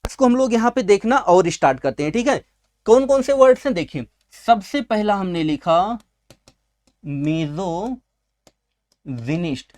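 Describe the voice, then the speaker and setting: With lively intonation and a brisk pace, a male teacher in a class video uses his high-pitched, darkish voice to teach exam-prep vocabulary at a writing board. He answers his own questions, repeats key words, and addresses his students warmly.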